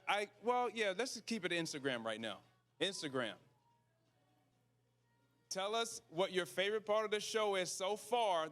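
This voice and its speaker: Guy hosting a show on stage, kinda high voice, chatty, keeps asking the crowd stuff like right?. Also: a bit bright. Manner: conversational, asks the audience questions, tags sentences with "right?". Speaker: event host. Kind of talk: casual stage announcing to a live audience.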